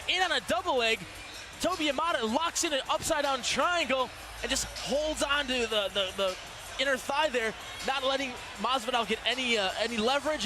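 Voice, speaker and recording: A man giving excitable, conversational color commentary on a live fight, speaking from ringside. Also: extremely high pitch. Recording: loud crowd and arena noise.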